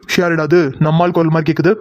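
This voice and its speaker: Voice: mid-range voice, level tone, fast talker, no room sound. A voice actor playing several cartoon characters, teasing and chatty. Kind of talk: cartoon voice acting.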